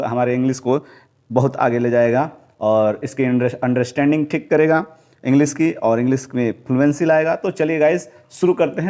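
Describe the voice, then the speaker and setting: A male English teacher with an Indian accent and a slightly higher voice leads a spoken English lesson. He says each practice sentence slowly and deliberately, repeats it, then explains it. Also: a little mellow.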